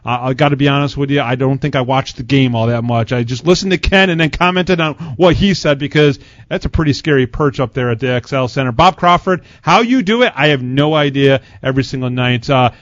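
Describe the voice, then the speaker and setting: With a medium-pitched voice at a slightly fast pace and no room sound, a sports radio host interviews someone about hockey in a chatty, wordy, joking manner. The broadcast audio is dull and lo-fi.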